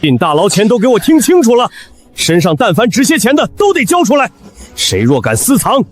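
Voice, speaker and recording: A man's voice: high-pitched, huge pitch swings, fairly quick, full character voice. An actor playing a brutal, coarse jailer who bullies his prisoners. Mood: bullying. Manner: rough and bullying. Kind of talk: period short drama acting.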